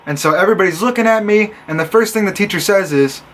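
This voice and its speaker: Talking fast to the camera in a casual vlog, a young-adult college student from Illinois, USA, has a voice that sits high for a man. He tells stories with animated sarcasm, acting out what other people said.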